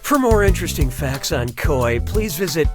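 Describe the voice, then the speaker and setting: A man's voice: fairly high pitch, sing-song, moderate pace. A man playing a neurotic, lonely quiz game host, with theatrical, wry, scripted comedic delivery. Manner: theatrical, wry, swinging between announcing and awkward asides. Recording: loud music behind the voice.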